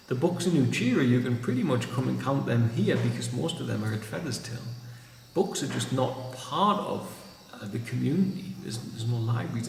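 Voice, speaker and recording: A man vlogging in a reflective, unhurried way, recorded in an empty room with a big hall echo. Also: medium pitch, vocal fry, a little hiss or hum. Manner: thoughtful, unhurried, restarts phrases. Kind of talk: reflective monologue. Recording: echoey empty room with long reverb.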